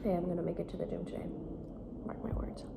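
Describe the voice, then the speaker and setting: A woman's voice: lowish voice, completely flat delivery, fast talker, creaky, whispered. A woman vlogging on her phone at home, chatting casually in a rambling, self-deprecating way. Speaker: vlogger and photographer. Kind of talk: casual vlog chat. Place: at home, indoors. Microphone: phone held by the speaker. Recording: roomy, distant phone audio with faint noise.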